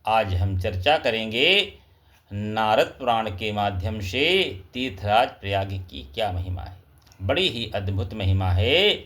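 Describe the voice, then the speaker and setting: A man's voice: fairly low pitch, lively intonation, unhurried, a bit bright. A man giving a devotional scripture discourse as a pandit, speaking reverently and chanting Sanskrit verses.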